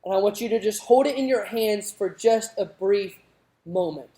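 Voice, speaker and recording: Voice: mid-range voice, moderate pace, mellow, close to an everyday voice. A youth preacher voicing a protective father who earnestly pleads with his daughter. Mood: pleading. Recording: roomy echoing hall.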